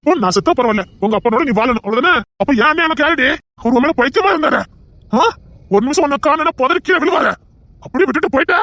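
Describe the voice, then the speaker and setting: A man voicing a young husband who pleads and threatens in rapid, insistent bursts in an audio drama. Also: very high voice, lively intonation, sharp tone, heavily acted. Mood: bitter. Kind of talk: Tamil audio drama acting.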